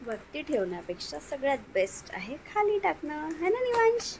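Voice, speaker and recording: A woman's voice: sits high, huge pitch swings, moderate pace, a little hiss or hum, poor audio. A young mother with a Marathi accent, talking in singsong baby talk to her infant at home while she films on a phone. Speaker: mother and vlogger. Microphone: phone camera.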